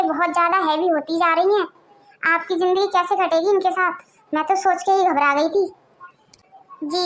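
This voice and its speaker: Casting: a smug young neighbor woman, voiced by a woman, very high and self-satisfied. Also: a bit bright.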